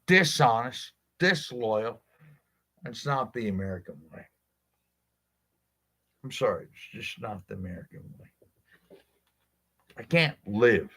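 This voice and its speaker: A man's voice: mid-range voice, fairly bright tone. A man, a legal rights advocate, speaking directly to his viewers in a blunt, impassioned monologue, swearing freely and asking rhetorical questions.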